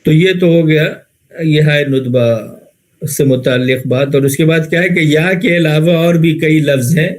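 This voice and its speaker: A man's voice: medium pitch, poor audio. Man, Indian Urdu accent, grammar teacher, lecture style, patient, repeats and rephrases, asks and answers own questions.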